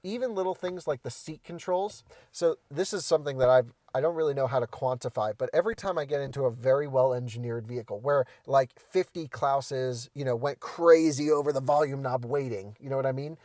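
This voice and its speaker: A man's voice: medium pitch, brisk, hardly any pauses, dry recording, studio quality. A man in a casual car review, bluntly criticizing materials and build quality from inside a parked car. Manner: blunt, opinionated, animated critique. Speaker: co-host reviewing cars.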